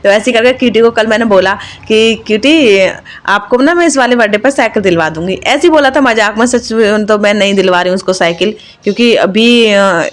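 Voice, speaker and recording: A woman's voice: mid-range voice, fairly quick. A woman and mother narrating her own home vlog in a chatty, confiding voice-over, with lots of fillers. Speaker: vlogger, mother.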